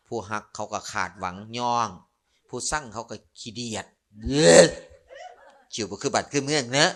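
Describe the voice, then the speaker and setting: Joking monk with an Isan accent. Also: male voice, on the low side, fairly bright tone. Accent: Northeastern Thai (Isan). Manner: joking, storytelling, playful asides to the audience. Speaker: Buddhist monk preacher. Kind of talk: humorous Dharma sermon.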